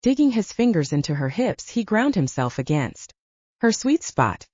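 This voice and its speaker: A woman narrating a romance audiobook in an expressive storytelling manner. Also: medium pitch, moderate pace, no echo. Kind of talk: scripted narration. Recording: slightly muffled dry audiobook recording.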